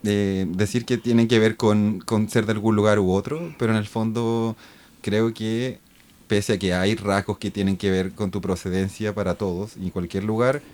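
A Chilean man with a fairly low voice speaks as an interview guest. He talks thoughtfully and rambles a little, circling back to restart his thoughts. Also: steady tone, normal speed, darkish tone. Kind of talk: casual interview chat.

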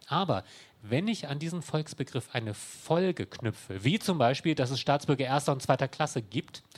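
A man giving an explanatory talk to an audience in a conversational, wry way, with dry sarcastic asides. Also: medium pitch. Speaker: speaker explaining law to an audience.

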